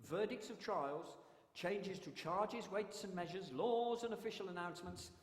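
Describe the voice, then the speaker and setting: A man with a fairly high voice gives a history talk in a town crier's measured, emphatic style. His words carry long reverb in an echoey hall.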